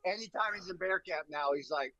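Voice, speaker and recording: A man guesting on a podcast, telling stories casually in an animated, emphatic way, often repeating words. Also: sits high, brisk, no room sound, highs cut off. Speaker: guest, bear hunting guide. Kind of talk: casual storytelling.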